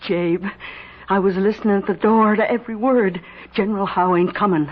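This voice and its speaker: An actress plays a feisty colonial country aunt with a rural American accent. Her husky, mid-pitched voice is folksy and emphatic, with the dull sound of vintage radio. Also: moderate pace, close to an everyday voice. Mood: eager, conspiratorial. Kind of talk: 1970s radio drama acting.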